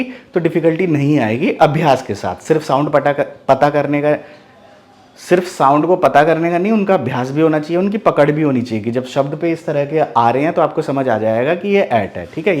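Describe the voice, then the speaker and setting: A man's voice: a little high, normal speed, darkish tone. A man teaching English phonics, spelling each word letter by letter and repeating it, asking the class questions and answering them himself. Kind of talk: phonics lesson.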